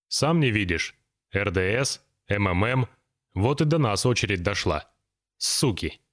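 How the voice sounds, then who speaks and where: A man voicing a gruff, irritable businessman boss who talks bluntly and coarsely in an audiobook reading. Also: lowish voice, lively intonation, measured pace. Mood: irritated.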